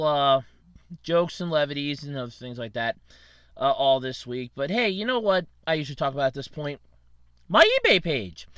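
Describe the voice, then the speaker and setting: The recording sounds muffled but clean, with no room sound, capturing a man's slightly high, fairly bright voice. He hosts a casual podcast alone, his throat scratchy from allergies, drifting off on tangents, fixing his own words, and laughing softly.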